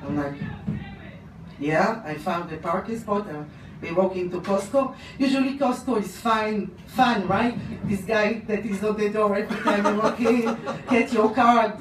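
Speaking unhurriedly in a mid-range voice, a middle-aged woman from Poland with an Israeli accent performs a personal story on stage, all lively gestures and audience laughter. The setting is a small dark room. Audio from a stand-mounted handheld mic and a far-off camera comes across roomy, remote and noisy.

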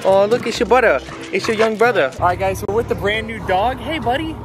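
Young guy vlogger, chatty and excitable, slightly high voice, music in the background. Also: fast. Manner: excitable, chatty, talks to his puppy and viewers. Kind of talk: casual vlog.

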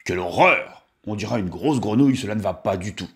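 A man's voice: fairly low pitch, animated, brisk, pitched below the performer's own voice. A man voicing a vain, fussy male wolf who grumbles and exclaims his complaints in a storybook reading. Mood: fed up.

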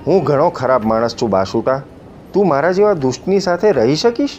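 A man voicing a hardened male sea raider who asks in a halting, humble way, in an audiobook reading. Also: a little high, expressive, a little mellow, natural voice. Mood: humbled. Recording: muffled audiobook recording with faint music.

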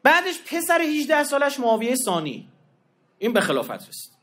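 A man giving a colloquial religious history lecture, telling stories in an animated way and acting out the quoted exchanges, with informal slang and asides. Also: extremely high pitch.

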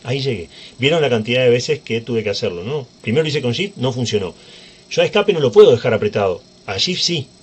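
A man's voice: medium pitch, lively intonation, quick pace, breathy edge. A man giving an informal, chatty computer tutorial, often checking in with his viewers. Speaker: tech tutorial presenter. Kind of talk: screen-recorded computer tutorial.

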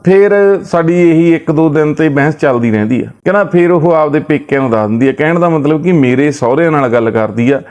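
A man's voice: a little high, brisk, few pauses, a little mellow. A man, retelling another man's family story and relaying his words with repeated "he says".

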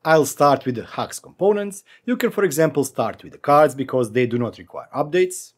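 A man's voice: mid-range voice, lively intonation, moderate pace. A man in his forties hosting a screen-recorded tech tutorial from a home office, talking through steps with wry asides. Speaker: tech channel host.

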